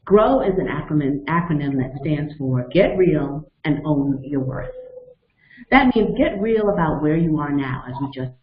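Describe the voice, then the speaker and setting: Leading a motivational webinar, this coach in her fifties has a low-pitched voice, animated intonation and a moderate pace. Her earnest delivery walks through each step and weaves in stories from her own life, over a thin, phone-like, echoey recording.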